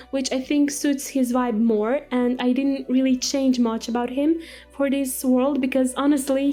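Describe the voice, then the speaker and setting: Young woman, high-pitched and upbeat, hosting a casual game walkthrough. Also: warm tone. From Croatia. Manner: chatty and upbeat, with frequent small laughs. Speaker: Sims builder and channel host. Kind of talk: casual gameplay voice-over.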